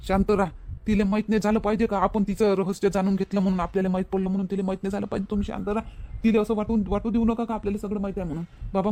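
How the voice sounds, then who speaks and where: Brief: man as a young village son, highish voice, whispering urgent warnings. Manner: hushed, urgent, conspiratorial.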